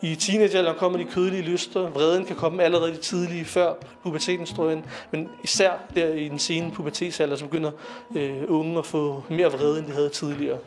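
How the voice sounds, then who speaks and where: A man's voice: fairly high pitch, little pitch movement, faint music behind. A young man giving an informal lecture to young people, talking conversationally with fillers and asking his listeners questions. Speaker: lecturer on Sikh philosophy.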